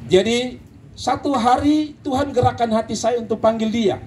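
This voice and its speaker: High-voiced preacher with a Kupang accent. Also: male voice, normal speed, slight background noise. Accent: Kupang Malay. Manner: storytelling, rising to emphatic bursts, then dropping low and quiet. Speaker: pastor. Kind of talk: sermon.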